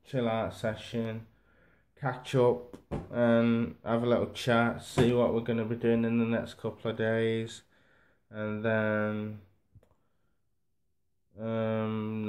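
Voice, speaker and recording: A young man vlogs casually while walking through gardens and allotments, holding his phone at arm's length. His voice is lowish, darkish, clear and resonant, and his chat is laid-back and rambling.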